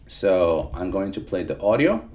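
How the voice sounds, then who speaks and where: A man with a fairly low voice leads a live online lesson as the teacher. He goes very slowly, repeats key points and keeps checking that listeners follow. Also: sing-song, darkish tone. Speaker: teacher of call-centre English.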